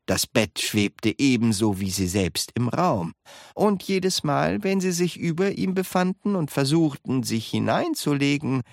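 Slow, expressive storybook reader. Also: mid-range voice, no room sound, clean studio sound. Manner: unhurried, expressive. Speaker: audiobook reader. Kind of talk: storybook narration.

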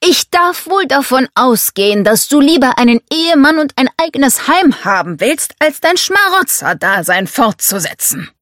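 Woman voicing a bossy rich father, commanding and scornful, lively swooping delivery, dry close sound. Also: high-pitched, normal speed, hardly any pauses, dry recording, pitched above the performer's own voice. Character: domineering rich American father, blunt and harsh.

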